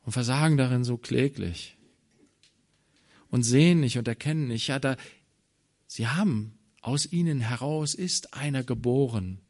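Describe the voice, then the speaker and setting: A man preaching a sermon, animated, swinging from soft asides to loud emphatic lines and talking straight to his listeners. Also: mid-range voice, measured pace. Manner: addresses listeners directly with "wisst ihr".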